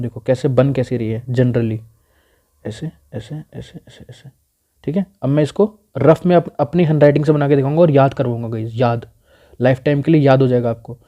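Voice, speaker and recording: A man's voice: medium pitch, warm tone. Man drilling geography names aloud. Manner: drilling, repeats names, coaxes students to say them aloud. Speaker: exam coaching teacher. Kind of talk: whiteboard lesson. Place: indoors at a whiteboard.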